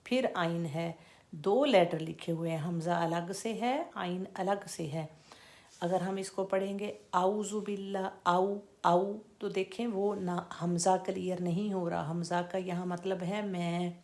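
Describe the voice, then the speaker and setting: A recitation teacher, a woman, talks in a slightly low voice at a very unhurried pace. She breaks words into drawn-out sounds and repeats them so that learners can follow. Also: a little mellow. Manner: drawn-out demonstration of each syllable. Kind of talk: slow, deliberate pronunciation lesson.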